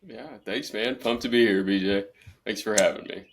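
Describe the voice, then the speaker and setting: A man's voice: lowish voice, moderate pace. A man in his thirties, a podcast guest, talking in a friendly, easygoing, plain-spoken way. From Southern Illinois. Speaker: podcast guest, real estate investor. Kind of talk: casual interview chat.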